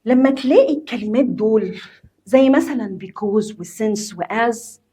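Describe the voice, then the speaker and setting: A woman's voice: on the high side, animated, a little slow, dark tone, husky. A woman with an Egyptian Arabic accent explaining an English grammar lesson to students. She talks straight to them, repeats key points with emphasis and mixes English terms into her explanation. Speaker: English teacher.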